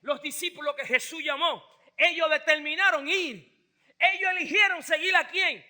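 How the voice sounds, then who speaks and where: Male pastor, fiery sermon, shouting, very high voice, call-and-response. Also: moderate pace. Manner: shouting, call-and-response, mixes in English phrases.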